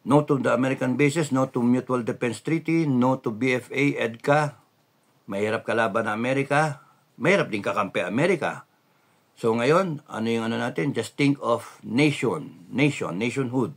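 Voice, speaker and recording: A man's voice: medium pitch, expressive, normal speed, breathy edge. A man with a Filipino accent giving a fervent political monologue to his viewers, switching between Tagalog and English and repeating slogans. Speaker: vlogger.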